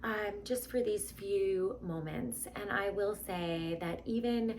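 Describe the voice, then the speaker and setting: A woman's voice: mid-range voice, slow pace, a little mellow, slight background noise. A woman speaking candidly and informally as she introduces a guided meditation.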